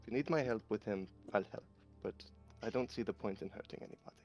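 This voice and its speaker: A young illusion mage , played by a man at a tabletop game, talks in a lowish voice. He is earnest and wordy, nervous yet defiant. Faint music runs behind him. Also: quick pace, muffled recording, close to an everyday voice.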